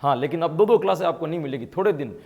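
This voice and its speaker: A man from India teaching an online exam-prep class. He explains by asking questions and then answering them himself, and he gets louder on the key points. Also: on the high side, lively intonation, very fast, in a large hall. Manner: explains by asking and answering his own questions, with frequent tag questions; grows louder and more emphatic when stressing key points.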